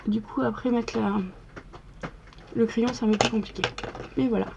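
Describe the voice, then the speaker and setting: A woman's voice: a little high, fairly even intonation, moderate pace, gravelly, highs cut off, noisy background. A young woman chatting casually through a makeup tutorial, narrating each step as she works in front of the camera. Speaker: makeup vlogger.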